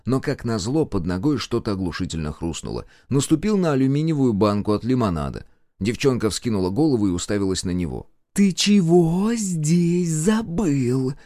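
A man's voice: on the low side, a little mellow, no echo, studio quality. A man narrating a novel as an audiobook, in scripted storytelling.

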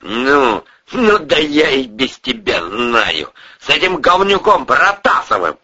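A man voicing a bullying middle-aged male oligarch who barks insults and shouts, on an audiobook. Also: medium pitch, big pitch swings, slow pace, slightly rough, muffled recording, pitched above the performer's own voice, heavily acted. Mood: scornful. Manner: barking, scornful, shouting insults.

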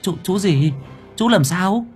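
A man's voice: on the high side, very fast, mellow, soft background music, pitched above the performer's own voice, close to an everyday voice. A man voicing an anxious village aunt pressing with urgent questions.

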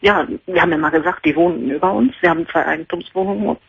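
A woman in her forties calling a radio show, talking softly so as not to wake her sleeping family. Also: lowish voice, animated, fast talker, no echo. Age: 40s. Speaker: caller. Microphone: telephone. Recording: husky phone line into a radio show.

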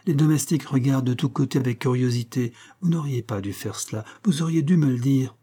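A man reading aloud, voicing a young gentleman who gives firm commands to a servant. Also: medium pitch, a little fast, slightly rough, natural voice. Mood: tender. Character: devoted young gentleman husband, protective.

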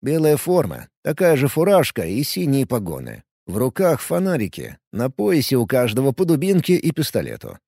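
A man reading a first-person story aloud in a lively storytelling way. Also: mid-range voice, moderate pace, vocal fry, hardly any pauses, dry recording, clean studio sound. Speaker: audiobook narrator.

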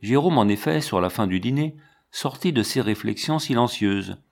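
A man narrating a classic storybook in a measured, clear storytelling manner. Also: medium pitch, lively intonation, darkish tone. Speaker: audiobook narrator. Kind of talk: scripted narration.

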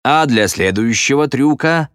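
A man voicing a smug stage magician with a slow, drawn-out, mocking showman delivery in a storybook reading. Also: on the low side, big pitch swings, a bit bright, no echo, studio quality. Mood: showy.

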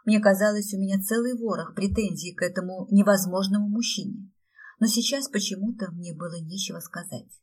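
A woman's voice: mid-range voice, fairly quick, a little mellow, husky, recorded from a distance, rough recording. A woman narrating a romance novel in first person with an emotive delivery. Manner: emotive, pleading and wistful in the heroine's lines. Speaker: audiobook narrator.

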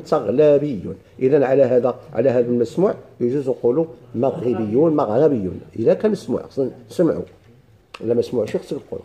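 A man's voice: medium pitch, mellow, lo-fi sound. A man with a Moroccan accent teaching a grammar lesson, explaining step by step and quizzing his students with questions.

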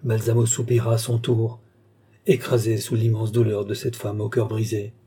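A man narrating a classic novel as an audiobook in a measured, dramatic reading. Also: lowish voice, completely flat delivery, mellow, slightly rough.

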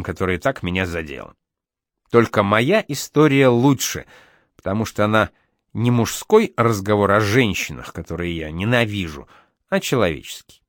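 A young wife's letter, voiced plainly by a man reader, full of swinging, animated intonation. It sounds dry and close, with no room around it. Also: on the low side, no room sound, natural voice. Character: young woman writing to her husband.

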